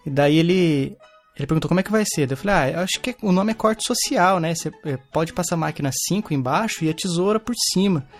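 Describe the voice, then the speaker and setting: Fast-talking man telling a story. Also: a little high, faint music behind. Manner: animated anecdote-telling with slangy fillers. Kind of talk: casual chat, storytelling.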